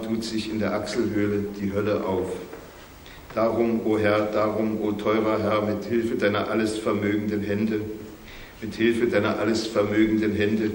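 A man voicing an old male jackal elder who pleads solemnly, in a measured, plaintive storybook reading. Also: on the low side, lightly acted. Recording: roomy recording with faint hiss.

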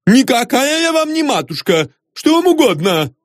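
A man reading aloud and putting on a high, shrill voice for a stern, scolding housewife. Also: big pitch swings, normal speed, no room sound, studio quality. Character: stern sharp-tongued housewife.

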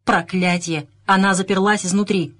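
A woman's voice: medium pitch, fairly even intonation, moderate pace, lightly acted. A woman voicing an irate male police inspector who barks orders. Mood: commanding. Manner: barking, shouting orders.

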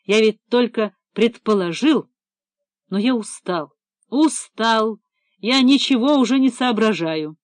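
Woman reading a hysterical man, pleading, wailing, slow drawn-out words, dry close sound. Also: on the high side, animated, no echo. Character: distraught male embezzler, hysterical, broken.

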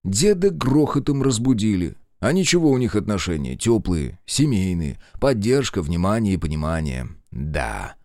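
A man's voice: on the low side, big pitch swings, normal speed, few pauses, a little mellow, no room sound, clean studio sound. A man narrating a first-person action story as an audiobook, telling it dramatically.

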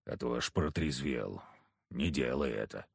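A man voicing a gruff, sullen big village hunter who grumbles curtly. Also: extremely low pitch, lively intonation, a little slow, dry recording, studio quality, pitched below the performer's own voice, exaggerated voice. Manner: grumbling, curt.

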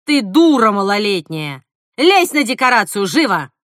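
An unhinged, vengeful actress, voiced by a woman reading an audiobook snaps and shouts in a loud, bright, piercing voice. She turns from hissing to crying out without warning. The sound is dry and close. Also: fairly high pitch, sing-song, moderate pace, no echo. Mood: furious. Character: bitter, vengeful actress Mila, a murderer.

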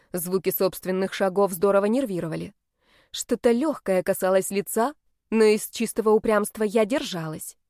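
A woman narrating a first-person fantasy novel in a lively, expressive storytelling manner at a close mic. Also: mid-range voice, no echo. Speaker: audiobook narrator.

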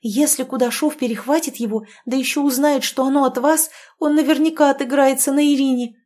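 A woman voicing a proud, quick-tempered young noblewoman who answers in sharp, indignant retorts. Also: high-pitched, fairly even intonation, pitched above the performer's own voice, lightly acted. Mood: anxious.

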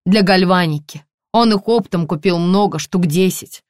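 A woman's voice: fairly low pitch, moderate pace, dry recording, studio quality, lightly acted. A woman reading an audiobook, voicing a frightened, agitated village woman who pleads, fusses and cries out. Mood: panicked. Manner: fussing, pleading, shouting.

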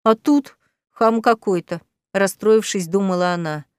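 A woman narrating an audiobook in a smooth, even storytelling manner. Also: medium pitch, unhurried, no room sound, studio quality.

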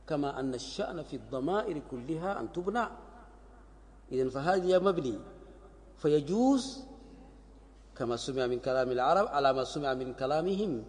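A sheikh teaching classical Arabic grammar in a lesson. He repeats words and examples slowly for his students. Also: fairly high pitch. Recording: long hall reverb.

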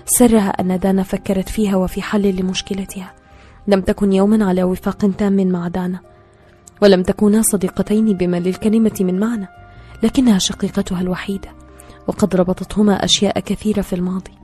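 A woman narrating a novel as an audiobook in a steady storytelling manner. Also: mid-range voice, fast, soft background music.

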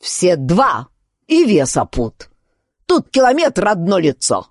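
A woman's voice: lowish voice, wildly swooping pitch, slow, darkish tone, no room sound, clean studio sound, full character voice. A woman voicing a fussy, bumbling king who acts as judge in a storybook poem, blustering and pompous.

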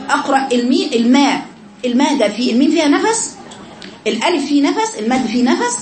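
Egyptian woman teaching recitation, echoey room. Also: high voice. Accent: Egyptian Arabic. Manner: instructive, repeats sounds to demonstrate them. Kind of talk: classroom lesson on pronunciation.

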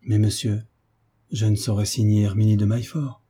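A young woman artist answers hesitantly, near tears with surprise, read by a man. The delivery stays dark and husky. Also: lowish voice, fairly even intonation, moderate pace. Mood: moved, hesitant. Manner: hesitant, emotional.

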